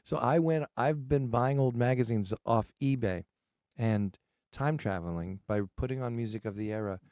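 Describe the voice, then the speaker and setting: A man in his forties, chatting loosely on a live stream, rambling with halting restarts and self-deprecating asides. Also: medium pitch, darkish tone, no room sound, studio quality. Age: 40s. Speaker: streamer host. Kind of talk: casual live-stream chat.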